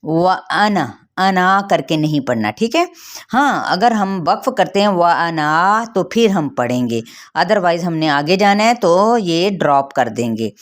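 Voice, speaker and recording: A woman with a Pakistani Urdu accent teaching tajweed, explaining pronunciation rules step by step and reciting verses slowly. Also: on the low side, very animated.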